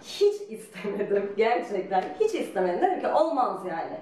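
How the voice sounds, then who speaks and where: A woman telling a story in a lively, teasing way, laughing often as she talks. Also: mid-range voice, fairly quick, slight background noise. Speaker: guest telling her couple's story. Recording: roomy echo from a distance.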